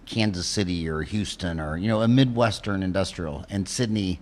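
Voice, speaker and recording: A man's voice: sits low, darkish tone. Chatty joking American man interviewer. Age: 50s. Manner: chatty, joking, asks rapid questions. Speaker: podcast host. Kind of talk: casual interview.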